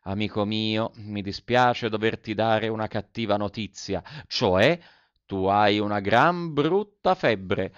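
A man voicing a kindly little female marmot in a storybook reading, speaking slowly and soothingly with regret. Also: fairly low pitch, clear, resonant tone, dry recording. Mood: solemn. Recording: dull, dry recording.

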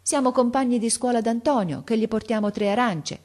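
A woman's voice: a little high, brisk, darkish tone, voice pushed up, lightly acted. A woman doing an earnest, kind schoolboy. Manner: earnest, comforting.

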